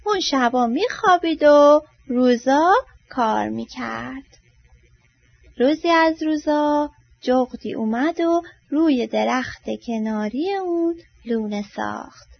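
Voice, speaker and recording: Gravelly-voiced woman reading a children's story. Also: high-pitched, no echo. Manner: expressive, dropping soft at line ends. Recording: dull lo-fi dry recording.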